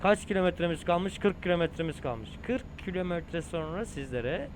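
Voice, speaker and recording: A man's voice: high voice, animated, moderate pace, a little hiss or hum. Chatty young man gaming and joking. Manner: chatty, swears, talks to viewers while driving. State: tired and hot. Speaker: gaming streamer. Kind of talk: casual gameplay commentary.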